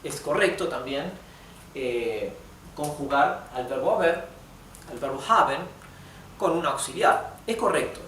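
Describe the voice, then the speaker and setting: Slow, patient man teaching in an echoey room. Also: fairly high pitch, animated, fairly bright tone. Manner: patient, slow and repetitive, reads examples aloud slowly. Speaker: German teacher. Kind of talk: explaining grammar and pronunciation. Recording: echoey room from a distance, faint noise.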